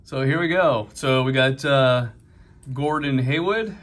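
Speaking at a measured pace in a fairly bright mid-range voice, a middle-aged card-collecting vlogger with a New England accent narrates opening trading card packs. Amid the bustle of a convention hall, he's casual, filler-heavy and upbeat.

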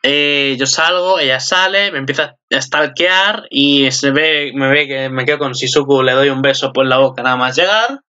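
Man hosting a casual commentary, crude and joking, rambling with fillers, bright tense tone, dull lo-fi mic. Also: mid-range voice, normal speed, hardly any pauses. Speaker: channel host. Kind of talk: casual commentary on an anime preview.

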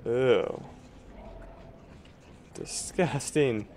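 A man playing a horror game on his channel, murmuring slowly to his viewers and breaking into startled exclamations. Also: mid-range voice, a little mellow, slight background noise. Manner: exclaiming, easily spooked. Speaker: gaming YouTuber. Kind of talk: let's play commentary.

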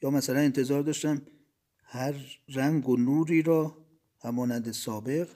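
A man reading the part of a dead engineer who calmly recounts leaving his body. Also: medium pitch, natural voice. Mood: reflective. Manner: measured, reflective storytelling.

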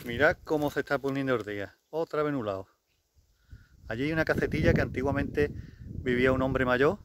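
A Spanish man vlogs outdoors in rural fields, holding a camera on a selfie stick as he walks downhill over stones. His medium-pitched voice carries a chatty, rambling style with self-corrections and mild swearing, and there is background noise.

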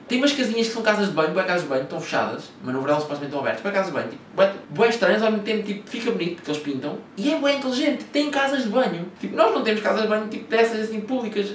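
A man's voice: sits high, a bit bright, slight background noise. A young man from Portugal with a Lisbon slang accent, telling travel stories in a casual, rambling way, full of swearing and fillers. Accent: European Portuguese, Lisbon slang. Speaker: vlogger. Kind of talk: casual storytelling. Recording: echoey room, mic at a distance.

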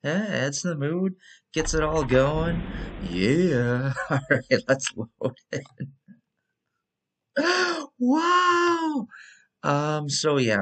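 A gaming channel host plays his own game at home by a window, joking playfully, singing, and laughing at himself in frequent asides. His voice is medium-pitched and a bit bright.

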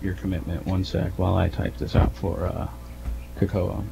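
A man running a tabletop game as game master, hesitant and full of fillers, apologizing for being slow. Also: deep voice, flat delivery, gravelly, recorded from a distance. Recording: dull lo-fi mic with faint hum.

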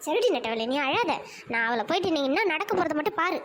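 A woman voicing a quarrelsome, quick-to-anger village woman in a cartoon comedy. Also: high voice, big pitch swings, heavy background noise. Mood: scolding. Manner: hot-tempered, scolding.

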